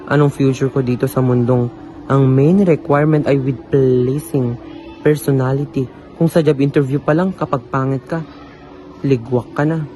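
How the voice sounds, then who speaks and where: In amateur radio drama acting, a young man plays a lonely eighteen-year-old student who self-pityingly calls himself ugly, his frustrated, brooding inner monologue turning into excited chatter. His mid-range voice moves at normal speed, lightly acted, over soft background music.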